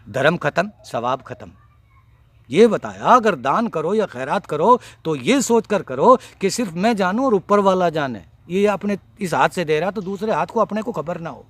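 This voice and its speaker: A male preacher with a fairly high-pitched voice delivers a sermon. He repeats his points, throws rhetorical questions at the listeners and stresses key words with sudden force. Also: animated, normal speed, dry recording. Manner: emphatic, rising to sharp stressed peaks on key words.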